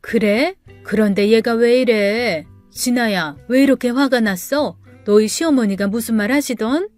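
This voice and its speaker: A caring middle-aged mother, anxious and questioning, as a woman narrator puts her on. Her voice sits slightly high. Gentle music plays behind the storybook reading. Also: a little slow, close to an everyday voice. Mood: concerned. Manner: concerned, questioning. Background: soft background music.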